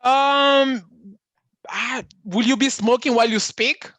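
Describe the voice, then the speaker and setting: A man's voice: very high voice, fairly even intonation, a bit bright, dry recording. Guy hosting an online meeting, chatty and stumbly, dry video call audio. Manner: halting, repeats words, chuckles. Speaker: meeting host. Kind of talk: casual video-call chat.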